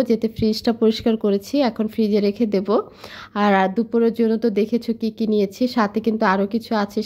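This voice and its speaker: A woman's voice: mid-range voice, mellow. A woman narrating a casual home vlog from her kitchen, chatting directly to her viewers. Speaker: vlogger.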